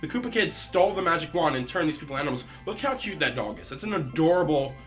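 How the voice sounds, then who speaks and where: Fast lively man narrating his play. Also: a little high, faint music behind. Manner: quick, lively, casual. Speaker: co-host playing the game. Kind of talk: let's-play commentary.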